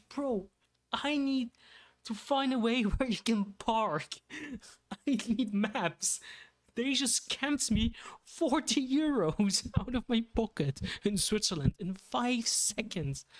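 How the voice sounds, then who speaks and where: Slow-talking Belgian man, rambling. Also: high voice. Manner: rambling, laughs often, repeats himself. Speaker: streamer. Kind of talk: casual chat.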